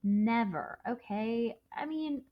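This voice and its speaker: Speaking slowly in a slightly high voice, a woman teaching English goes over a novel with her students in a chatty way, repeatedly checking with "okay?" The classroom recording sounds dull and lo-fi.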